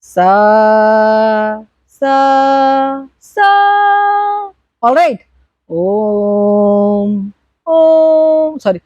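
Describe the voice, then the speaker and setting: High-voiced woman teaching mantra chanting. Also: no echo, muffled recording. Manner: instructive, checks in with "theek hai?" often, demonstrates chants. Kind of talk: workshop teaching, mixing Hindi and English.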